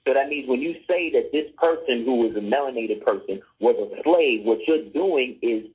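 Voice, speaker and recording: A middle-aged podcast guest lectures conversationally in an animated, mid-range voice with a breathy edge, at a moderate pace. He insists on his points and keeps asking "you see what I'm saying?" to check the listener follows. The audio is dull and lo-fi.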